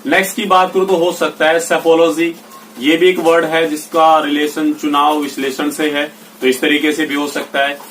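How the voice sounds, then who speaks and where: A male teacher giving a spoken grammar lesson, slowly reading out English example sentences one by one. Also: on the high side, little pitch movement, fairly bright tone, far from the mic, a little hiss or hum. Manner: explains slowly, reads English examples out deliberately. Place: indoors with rain heard outside. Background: rain.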